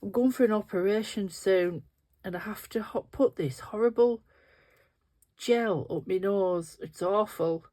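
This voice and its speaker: Speaking a little slowly in a dark, mid-range voice, this middle-aged resin craft host sounds sniffly and nasal. She keeps up casual, chatty tutorial talk, thinking out loud as her hands work.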